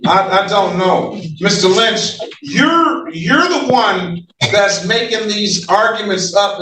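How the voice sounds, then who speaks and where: A woman's voice: mid-range voice, a bit bright, far from the mic. A woman presiding as a judge in an informal courtroom exchange, speaking bluntly and repeating phrases for emphasis. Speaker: judge presiding over a hearing. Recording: echoey, noisy courtroom audio from afar.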